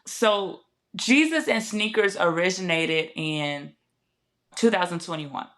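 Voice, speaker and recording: A woman with a low-pitched voice speaks as a podcast guest. Her delivery is casual and conversational, like someone recounting her own path, and she corrects herself and quotes her thoughts as she goes. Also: takes it slowly, fairly bright tone. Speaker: podcast guest, fashion brand founder. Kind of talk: casual interview storytelling.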